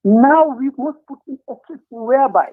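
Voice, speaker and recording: A Gambian man with a strikingly high voice phones in to a political discussion over a thin, tinny line. Animated yet earnest and deliberate, he pauses often in hesitation as he sets out his points.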